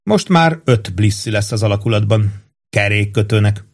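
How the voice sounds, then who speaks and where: A man narrating a novel as an audiobook, in a steady, even storytelling manner. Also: on the low side.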